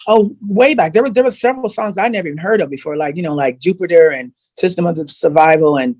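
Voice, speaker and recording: A man with a high-pitched voice talks fast, with no echo on the recording. He's a guest singer in a casual video-call chat, animatedly telling stories and frequently restarting.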